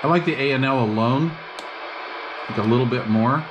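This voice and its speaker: A man with a medium-pitched voice at a moderate pace chats casually and thinks aloud in slangy, unscripted talk while bench-testing an old CB radio as a hobbyist host. The muffled, noisy recording carries radio static, hiss, and chatter from the CB receiver behind him.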